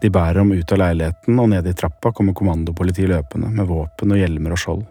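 A man hosting a radio documentary, reading scripted narration calmly and asking brief questions. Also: sits low, husky.

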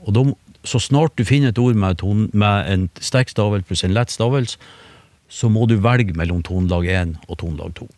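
Low-voiced man explaining speech sounds. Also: no room sound. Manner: relaxed, hesitant, many fillers and restarts. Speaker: phonetics expert. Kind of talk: explanatory radio conversation. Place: radio studio.

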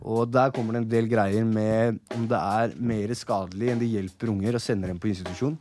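A man's voice: fairly low pitch, fairly even intonation, a little mellow, faint music behind. A man hosting a radio show with casual, slangy banter and the odd swear word. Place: radio studio inside a prison.

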